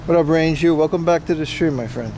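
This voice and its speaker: A man's voice: fairly high pitch, a little fast, darkish tone, faint music behind. A man streaming through a headset mic. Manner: rambling, laid-back, swears casually. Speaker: livestream host. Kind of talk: casual live-stream chat. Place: outdoors in a city, near a parking garage.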